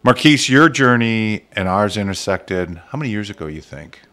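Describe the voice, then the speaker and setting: Deep-voiced man hosting casual chat. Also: animated, moderate pace, fairly bright tone. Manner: rambling, many fillers and restarts. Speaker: show host. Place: Las Vegas.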